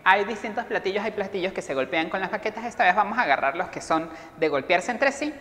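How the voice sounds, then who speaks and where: A woman music teacher giving a lively class to young children, explaining instruments and getting them to join in. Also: mid-range voice, fast talker. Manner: lively, encouraging, leads children in rhythmic sound imitations. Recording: echoey room with long reverb.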